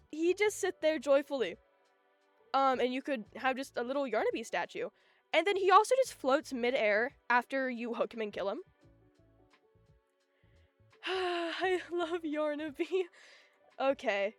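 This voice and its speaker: A young woman live-streamer with a high, bright-pitched voice, chatting in a giggly, excitable ramble. The sound is dry and close, with no room echo. Faint music plays underneath. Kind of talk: casual live-stream chat.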